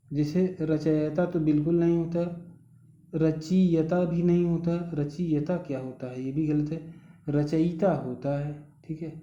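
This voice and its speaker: A man's voice: a little high, dark tone. A man teaching a spelling lesson, patient and repetitive, stretching out the words he corrects. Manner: patient, repeats words slowly and often says "thik hai". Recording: muffled roomy recording.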